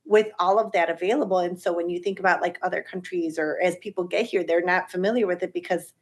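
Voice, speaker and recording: A woman from Chicago hosting a podcast, chatting in a relaxed way over a video call with lots of "like". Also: on the low side, fast talker. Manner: relaxed, leans on fillers like "like". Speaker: podcast host. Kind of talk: casual interview chat.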